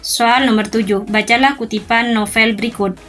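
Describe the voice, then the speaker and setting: A woman reading school exam questions and their answers aloud in a steady, methodical way. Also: fairly high pitch, moderate pace, soft background music.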